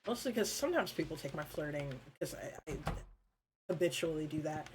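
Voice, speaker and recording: A woman on a live stream, talking to her viewers in a loose, rambling way full of "um" and "like", with a fairly low voice. There's clear noise and clicking in the background of the recording. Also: expressive, brisk. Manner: rambling and informal, with frequent fillers and swearing.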